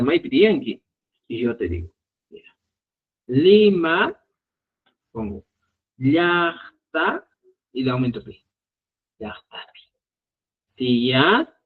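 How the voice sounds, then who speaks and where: A male language teacher leads a live online lesson and keeps checking in with his students. He speaks slowly, and his voice is a bit high and swoops around with lively pitch. The audio is thin and phone-like. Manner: animated, repeats checks like "¿ya?" to students.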